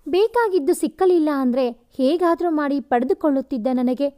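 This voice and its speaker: A man's voice: very high-pitched, animated, moderate pace, a little mellow. A woman voicing a devoted, heartbroken young man who pleads tearfully in a storybook narration. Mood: despairing.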